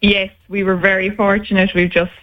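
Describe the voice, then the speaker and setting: A woman's voice: medium pitch, flat delivery, moderate pace, highs cut off. Chatty woman, west of Ireland accent. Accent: west of Ireland, Limerick. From Limerick, Ireland. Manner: chatty, agreeable, repeats short affirmations. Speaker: radio show caller. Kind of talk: casual chat.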